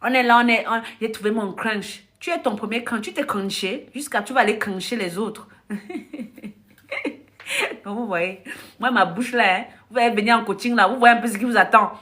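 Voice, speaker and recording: A woman's voice: fairly high pitch, normal speed. A woman from Africa, a life coach, telling stories on a live stream. She laughs often, acts out conversations and talks bluntly to her viewers. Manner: animated storytelling with frequent laughter, acting out dialogue; blunt, direct addressing of the audience. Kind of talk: casual live-stream monologue.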